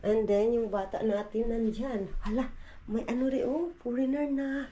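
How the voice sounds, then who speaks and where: At home, out on the porch and yard, a mother who vlogs chats casually to her viewers, mixing Tagalog with English and often saying "day". Her voice is fairly high and warm, at a normal speed with fairly even intonation.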